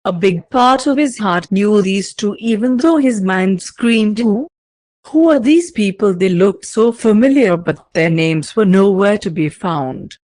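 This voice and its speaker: A woman reads a story aloud at a steady, even pace, her voice sitting in an ordinary middle register. The recording is dry and close, with no room sound around her. The narration stays level and measured throughout. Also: mid-range voice, dry recording. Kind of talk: fanfiction read aloud.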